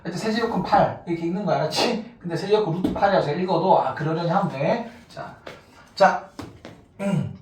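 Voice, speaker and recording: Another math class: this man's voice sits high with a darkish tone, and he talks a little fast. Casual in manner, he keeps asking whether students follow, heard through a distant mic in an echoing room with faint noise.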